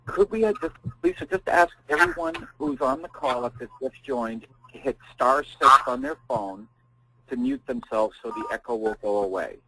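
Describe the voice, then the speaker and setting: A man's voice: mid-range voice, normal speed, a bit bright. A man with a Boston accent calling in to a webinar, giving friendly, joking instructions over a noisy phone line. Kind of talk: casual instructions on a call. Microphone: telephone.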